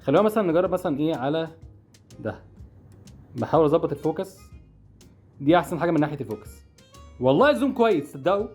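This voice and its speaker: A young man with an Egyptian Arabic accent rattles through a casual unboxing at a very fast clip. His voice sits a little high for a man, with a chatty, jokey, puzzled manner, and faint music plays underneath. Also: animated, a little mellow, breathy edge. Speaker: product-review vlogger.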